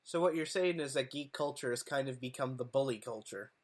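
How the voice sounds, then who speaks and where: A man co-hosting a relaxed podcast, his talk halting and padded with ums. His voice sits at an ordinary middle pitch. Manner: hesitant, lots of ums and you-knows. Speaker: podcast co-host. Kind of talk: casual chat.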